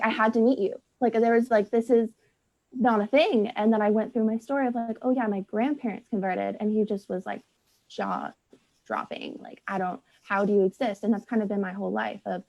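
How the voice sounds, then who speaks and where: A woman's voice: medium pitch, steady tone, normal speed, darkish tone, highs cut off. A young woman from the United States talks casually as a guest, chatty and full of "like", acting out quotes as she goes. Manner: chatty, lots of "like", acts out quotes. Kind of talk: casual conversation.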